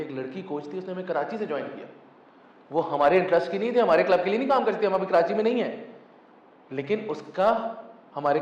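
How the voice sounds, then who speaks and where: A man's voice: high voice, a little mellow. A man in his twenties, a football club founder and coach, talking emphatically in a casual interview and mixing in English phrases. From Pakistan. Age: 20s. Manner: emphatic, mixes English phrases, frequent "thik hai". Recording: echoey, distant, muffled, faint hum.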